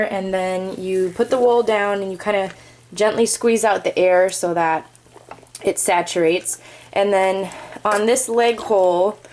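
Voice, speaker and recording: Standing at her kitchen sink, a young woman demonstrates how she cares for cloth diapers, chatting loosely and using lots of fillers as she goes. Her voice is mid-range with a darkish tone, and the audio quality is poor.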